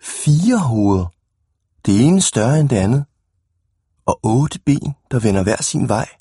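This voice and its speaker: A man's voice: mid-range voice, very animated, mellow, slightly rough, dry recording, clean studio sound. A man reading a storybook aloud, voicing a boastful schoolboy who talks in a self-important, emphatic way. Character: boastful schoolboy, a know-it-all spinning tall tales.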